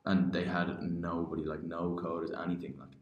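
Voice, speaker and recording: A man's voice: low voice, completely flat delivery, normal speed, lo-fi sound. A young man co-hosting a podcast in casual, unscripted chat, recorded in a cave-like room with an echo. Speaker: podcast co-host.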